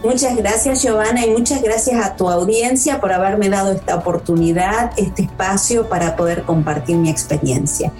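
Mellow woman guest in conversation. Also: medium pitch, moderate pace, hardly any pauses, faint music behind. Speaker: podcast guest. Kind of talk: conversational thanks and sign-off.

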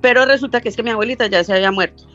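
This time the older Colombian caller from Medellín talks rapid-fire, her voice a little high and fairly bright. Her casual story wanders, with self-corrections and acted-out quotes, while faint music plays behind and the highs are cut off.

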